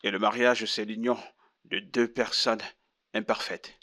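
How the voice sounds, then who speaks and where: Moralizing counselor in a dubbed drama; low, bright, measured. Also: male voice, level tone. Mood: preachy. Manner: measured, sermonizing. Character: moralizing male counselor, calm and preachy. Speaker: marriage counselor.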